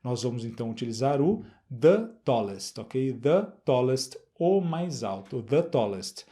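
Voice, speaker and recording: A middle-aged man with a Brazilian Portuguese accent, explaining an English grammar exercise as a teacher, repeating words slowly and checking in with the class. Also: mid-range voice, very animated, mellow.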